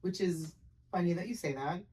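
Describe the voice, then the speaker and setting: A woman hosting a casual podcast chat, playful and quick to laugh as she tells stories. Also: fairly low pitch. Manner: playful, laughing, animated when telling stories. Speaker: podcast host.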